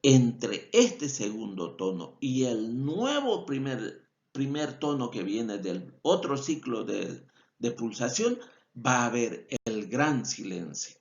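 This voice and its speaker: Bolivian male vet lecturer, slow patient explainer, lively intonation, dull lo-fi audio. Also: mid-range voice. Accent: Bolivian Spanish. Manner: explanatory, repeats key points, self-corrects. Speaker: veterinary lecturer. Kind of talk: recorded lecture over slides.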